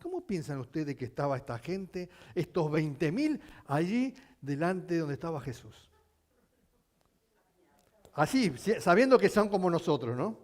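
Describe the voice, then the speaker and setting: A male pastor preaching a sermon, telling stories with animation and asking his congregation questions, at times rising to near shouting. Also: on the high side, very animated, measured pace. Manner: addresses the congregation with frequent questions.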